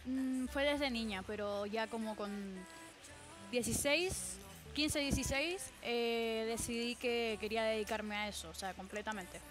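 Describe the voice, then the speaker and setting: A young woman from Chile with a Chilean accent, a pop singer chatting as a guest in a studio interview, relaxed and using fillers. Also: fairly high pitch, measured pace, soft background music. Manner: relaxed, laughing lightly, uses fillers like "como que". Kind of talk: casual interview talk. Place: TV studio set.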